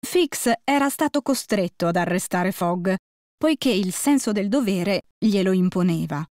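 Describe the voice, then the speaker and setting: A woman narrating a musical tale for concert band in a clear, measured storytelling voice. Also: medium pitch, expressive, a little mellow, dry recording, clean studio sound. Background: faint concert band music.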